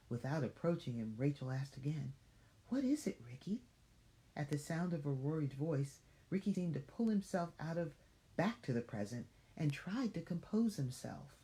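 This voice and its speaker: A woman's voice: a bass voice, dark tone, poor audio. A woman reading a children's story aloud as if to a toddler, dramatic, with questioning asides to the young listener.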